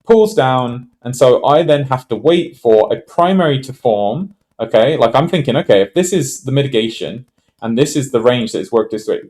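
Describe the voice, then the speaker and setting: A man's voice: medium pitch, animated, normal speed, darkish tone. Rambling man walking through a trade. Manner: rambling, thinks aloud with fillers and restarts. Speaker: trading educator. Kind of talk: casual screen-share trade walkthrough.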